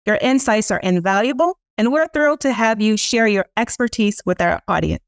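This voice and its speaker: A woman's voice: fairly high pitch, lively intonation, normal speed, smooth, no room sound, studio quality. A woman who directs programs, hosting an interview with a formal, polished, scripted delivery. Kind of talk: scripted introduction and interview questions.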